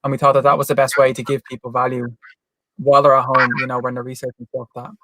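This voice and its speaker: Fast-talking Irish man. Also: medium pitch, monotone, pushed and bright, no echo. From Ireland. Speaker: guest vanlife vlogger. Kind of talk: casual chat on a livestream.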